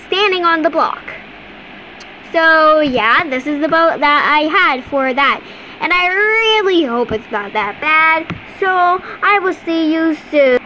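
A woman's voice: sits high, lively intonation, slow pace, pushed and bright, a little hiss or hum, poor audio. A female gamer chatting casually and giggling as she plays, with lots of ums along the way, at home at her computer. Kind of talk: casual game commentary.

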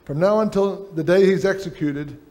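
A man's voice: sits high, normal speed, warm tone. Man preaching at a church lectern. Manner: preaching while reading aloud from a book. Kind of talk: sermon with book reading. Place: church sanctuary stage.

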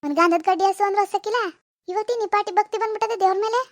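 A woman's voice: very high voice, racing, no echo, studio quality. A woman voicing a scolding, mocking village mother in a cartoon, with a rural Karnataka Kannada accent. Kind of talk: cartoon voice acting.

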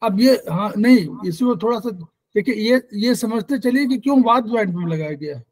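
A man's voice: sits high, animated, moderate pace, poor audio. A man hosting an online class, introducing guests in formal, ceremonious phrasing. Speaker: class organizer and host.

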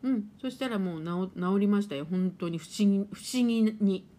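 This mellow, medium-pitched woman talks at normal speed while hosting an easygoing live stream. Middle-aged and a spiritual therapist by trade, she laughs over viewers' comments and acts out her washing machine for fun.

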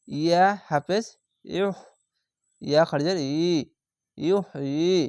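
A man teaching Quran reading, sounding out each letter and syllable slowly and patiently in a step-by-step lesson. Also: a little high, a little mellow, no echo, clean studio sound. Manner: slow, drawn-out syllable-by-syllable recitation.

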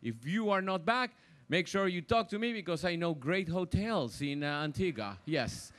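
A man with a high voice works a ship's theater as an upbeat cruise director. He makes his announcements like a showman, speaking into a handheld microphone from the stage. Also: animated, normal speed, fairly bright tone. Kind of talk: live stage announcements to an audience. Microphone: handheld microphone through PA.

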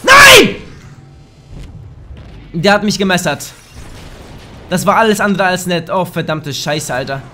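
A young man giving crude, excitable let's play commentary in a slightly hoarse voice, now and then bursting into shouts. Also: high-pitched, moderate pace, slight background noise. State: a bit hoarse. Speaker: gaming YouTuber. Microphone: desk microphone.

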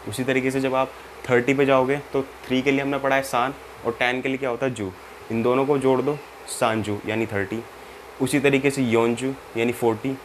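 A man with a medium-pitched voice teaches a Japanese lesson, with slight background noise in the recording. He's patient, repeats each step, and checks that the learner is following, mixing in English terms and spelling out every example.

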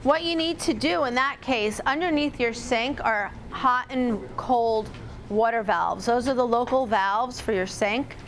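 A chatty woman with a fairly high voice walks a small live audience through household repairs. She talks to them directly and casually, with a faint hum of the room behind her, picked up on a lapel mic. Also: unhurried, a bit bright. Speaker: home repair demonstrator. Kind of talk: live workshop demonstration.

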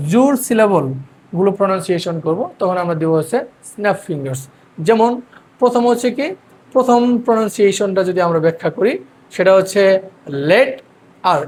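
In an explanatory lesson on English pronunciation, a man goes step by step, repeating words slowly and stretching them out syllable by syllable. His voice is high, and the recording carries a slight hiss or hum.

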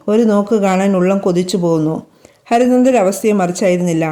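A woman narrating a romantic story in slow, lyrical storytelling. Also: mid-range voice, warm tone.

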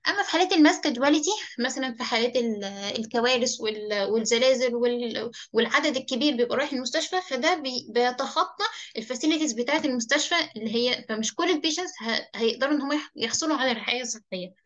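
Fast, high-voiced Egyptian woman lecturing. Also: a bit bright. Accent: Egyptian Arabic. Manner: frequent checking "تمام؟" with listeners; slows down to read English terms aloud. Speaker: medical lecturer. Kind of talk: recorded medical lecture mixing Arabic and English terms.

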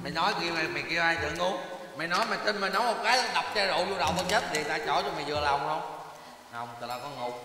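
An actor playing a drunken, bullying rural husband, barking orders in a gravelly voice. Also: male voice, fairly high pitch, expressive, very fast. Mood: threatening. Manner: bullying and rough, swings between mutters and shouts. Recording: roomy film sound with long reverb and music.

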